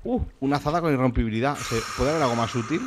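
Dry-joking gamer on a noisy mic. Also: male voice, medium pitch, rapid-fire. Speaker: gamer guest. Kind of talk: joking multiplayer gaming chat.

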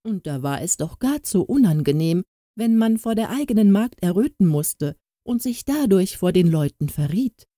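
A woman narrating a fairy-tale audiobook with expressive storytelling delivery. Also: medium pitch, normal speed, hardly any pauses, dry recording, studio quality.

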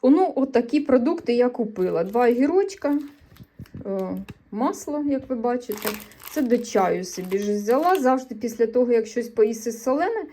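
A woman's voice: on the high side, animated, moderate pace, warm tone, slight background noise. Chatty woman with a Sumy accent. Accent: Sumy eastern Ukrainian. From Sumy region, eastern Ukraine. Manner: chatty, rambling, with frequent self-corrections; earnest and a little defensive when answering comments. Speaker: vlogger. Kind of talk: casual vlog chat to camera.

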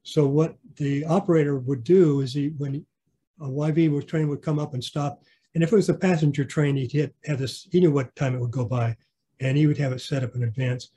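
A man's voice: fairly high pitch, fairly even intonation, fairly quick, mellow, husky. A man giving a casual online slideshow clinic about his model railroad, rambling with fillers and restarts. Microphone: video call.

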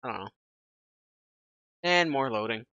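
A man with a bright, forward voice chats casually while playing a game, tossing out offhand remarks full of fillers. Faint game music sits behind him. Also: medium pitch, expressive, a little slow, no echo, dull audio. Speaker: gameplay streamer. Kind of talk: casual gameplay commentary.

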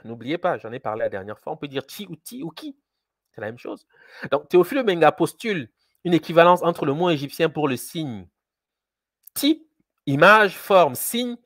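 A man lecturing in a measured teaching tone, with a voice pitched a little higher than usual. He speaks emphatically, repeats key words and restarts his sentences. The sound is dry and close, with no room echo. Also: a bit bright. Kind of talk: recorded lecture.

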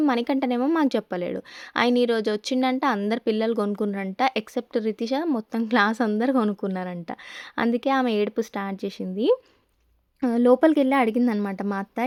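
This is a young woman with a Telangana Telugu accent, chatting through a family vlog with a slightly high voice. She tells her story in an easy, talkative flow and slips in quoted asides. The sound is dry and close to the mic. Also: a little mellow, dry recording. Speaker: family vlogger. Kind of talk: casual vlog narration.

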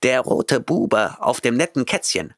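A man voicing a crazed three-legged parrot-cat creature in a high, squawking, jittery voice for an audiobook. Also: big pitch swings, unhurried, no echo, studio quality. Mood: frightened.

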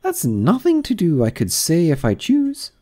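A man voicing an ugly, chummy old noblewoman who finds a moral in everything, in a high, drawn-out, sing-song voice. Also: huge pitch swings, dark tone. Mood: gushing, moralizing.

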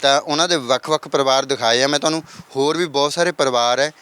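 A man's voice: mid-range voice, quick pace, a bit bright, smooth, dry recording. A man reporting on location from a flooded village, earnestly appealing to viewers for help. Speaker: field reporter.

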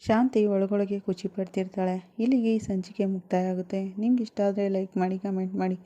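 A woman's voice: medium pitch, fairly even intonation, a little fast, mellow. A woman narrating a recap of a TV serial episode in plain storytelling. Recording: dull lo-fi recording.

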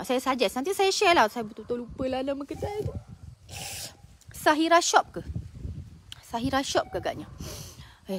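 A woman hosting a casual live stream, expressive and full of religious exclamations. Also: a little high, slight background noise.

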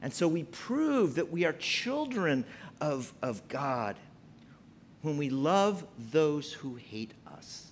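A pastor in his fifties preaches a sermon from a pulpit inside a church sanctuary, emphatic and gesturing as he goes. His voice swings widely in pitch and moves at a slow pace. There is slight background noise.

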